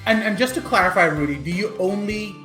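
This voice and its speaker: A man hosting a podcast interview, reading a sponsor spot and asking upbeat questions with quick restarts. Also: sits high, expressive, pushed and bright, roomy sound, faint music behind. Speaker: podcast host.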